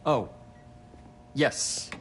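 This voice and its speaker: An actor playing a measured, courteous middle-aged male doctor in a video game, speaking formally and deliberately. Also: a little hiss or hum. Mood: regretful. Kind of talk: video game dramatic acting.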